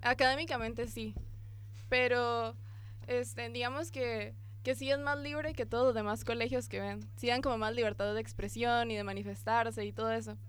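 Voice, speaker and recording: A woman's voice: fairly high pitch, fairly even intonation, normal speed. A teenage girl from Costa Rica with a Costa Rican accent, a guest exchange student answering interview questions in a school radio studio, hesitant and full of fillers. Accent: Costa Rican Spanish. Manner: hesitant, many fillers, laughs often. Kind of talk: casual interview.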